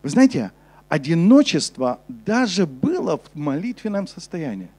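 A young man preaching a sermon on a church stage with a handheld mic, switching between emphatic urgency and a soft, low delivery. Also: big pitch swings, unhurried. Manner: preaching with rising intensity, then dropping soft and low for scripture. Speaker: pastor. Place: church stage before a congregation.

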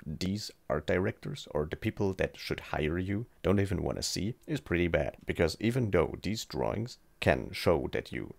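A man's voice: sits low, expressive, normal speed, vocal fry, hardly any pauses. A man with a sore, swollen jaw narrating a scripted art tutorial in a casual, direct manner. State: sore, swollen jaw after recent surgery. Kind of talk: scripted video essay narration.

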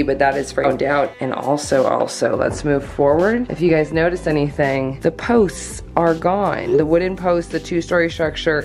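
A young woman giving a chatty, upbeat vlog narration about renovating her trailer. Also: low-pitched. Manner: chatty and upbeat, shouts in frustration at times. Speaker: DIY renovation vlogger. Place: small trailer under renovation, indoors.

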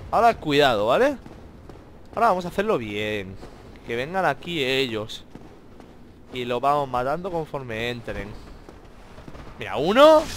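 A man with a Spain Spanish accent giving excitable let's-play commentary, swearing a lot and talking to the enemies on screen. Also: mid-range voice, noisy background. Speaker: gamer playing a video game.

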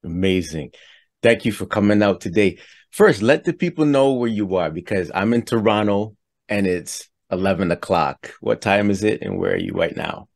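A man's voice: lowish voice, animated, normal speed. A man hosting a podcast interview, introducing his guest and asking questions in an earnest, friendly way. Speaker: podcast host. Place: home studio. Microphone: headset with studio mic.

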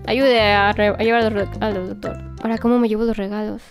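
A young woman narrating her doll play in a lively, exclamatory way, talking to the toys like a babysitter. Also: medium pitch, fairly quick, over music. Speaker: toy play vlogger.

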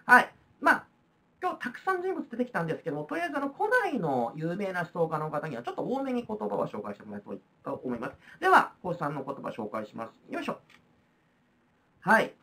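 A woman's voice: lowish voice, big pitch swings, fast, a bit bright. A woman with a Kansai accent teaching a history lesson on video, explaining in a chatty way with frequent fillers. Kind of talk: recorded video lecture.

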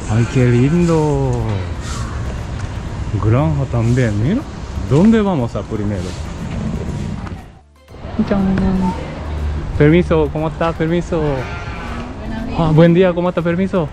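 A man's voice: on the high side, lively intonation, slow, long pauses, over music. A man in his thirties with a Japanese accent, chatting casually to a handheld camera as a vlogger, playful and exclamatory, often repeating short phrases. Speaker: travel vlogger and channel host. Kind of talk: casual vlog chat. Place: outdoors on streets and zoo paths. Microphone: handheld action camera at arm's length. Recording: outdoor recording with background noise.

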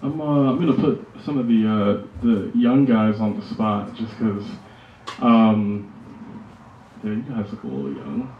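Deep-ish man, halting casual speech, dull sound in an echoey shop. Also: animated, a little hiss or hum. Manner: hesitant, many fillers like "you know" and "like". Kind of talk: casual remarks to an audience. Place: music shop, indoors. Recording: echoey room from far off, dull lo-fi.

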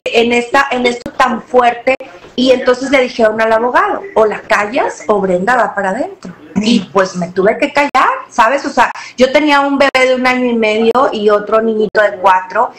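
A woman's voice: on the high side, fairly bright tone. Earnest woman in an echoey room. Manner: earnest, repeats words and restarts often. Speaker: interview guest. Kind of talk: emotional storytelling interview.

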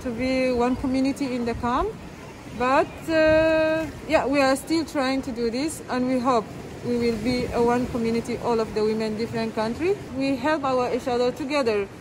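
A woman's voice: sits high, steady tone, normal speed, noisy background. A woman living in a camp, speaking earnestly in simple, repetitive English in a documentary interview by the sea. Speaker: camp resident. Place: outdoors by the sea.

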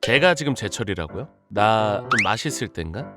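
A woman's voice: rumbling low, expressive, moderate pace, music in the background. A woman streaming a casual game, giving playful commentary and scolding the game pieces as if they were children.

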